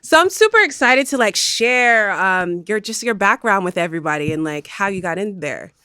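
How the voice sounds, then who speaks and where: A woman's voice: medium pitch, lively intonation, normal speed, pushed and bright, clean tone, dry recording, clean studio sound. A bubbly, playful woman in her thirties hosting a casual interview podcast. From United States. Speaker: podcast host.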